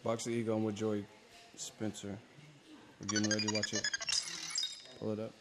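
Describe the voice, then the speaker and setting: A man's voice: on the low side, monotone, normal speed, heavy background noise. A man hosting a casual sports interview, building his questions piece by piece in a conversational way.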